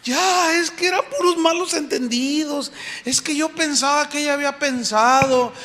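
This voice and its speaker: A man voicing a fretful middle-aged church woman who rushes through pleading explanations. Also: very high-pitched, pushed and bright, pitched above the performer's own voice. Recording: echoey hall.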